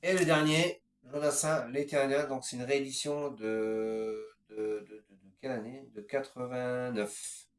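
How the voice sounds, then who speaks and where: A man in his fifties walks through his record collection in a casual show-and-tell, hesitant and chatty, moving from one item to the next with frequent filler words. His voice sits at an average pitch. The recording carries a roomy echo. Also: steady tone, a little slow, few pauses. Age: 50s. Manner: hesitant, strings items together with "voilà" and "ensuite".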